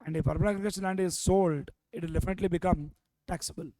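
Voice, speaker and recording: A man's voice: sits high, fairly even intonation, quick pace, dark tone, no echo. A man with an Indian accent lecturing a revision class, prompting students with repeated questions and dropping Hindi phrases into his English. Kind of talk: interactive exam revision lecture.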